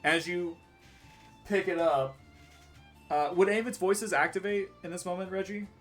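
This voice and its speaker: A man acts as game master, describing scenes in a casual, improvised flow. His voice sits a little high for a man. Faint guitar music plays behind him. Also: steady tone, normal speed, a bit bright.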